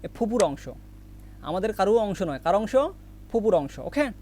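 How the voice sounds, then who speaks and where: A man's voice: high-pitched, lively intonation, normal speed, dark tone. A man teaching vocabulary, asking what each word means and answering it himself over and over. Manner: repetitive question-and-answer drilling. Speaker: Korean language teacher. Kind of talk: recorded vocabulary lesson with memory tricks.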